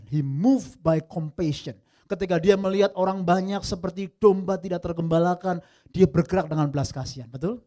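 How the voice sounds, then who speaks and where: Pastor guy preaching, gets loud then drops real soft, throws in english bits. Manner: lively preaching, mixing English phrases, addresses listeners as brothers and sisters; swings from loud emphatic peaks to soft low asides. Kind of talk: sermon.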